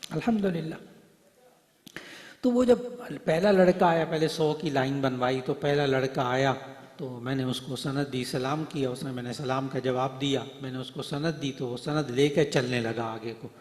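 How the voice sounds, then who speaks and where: A middle-aged man preaching, telling stories and acting out their dialogue, swinging from soft to loud. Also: medium pitch. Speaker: Islamic preacher and hadith teacher. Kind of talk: Urdu religious speech to a gathering. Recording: echoey hall, voice through speakers.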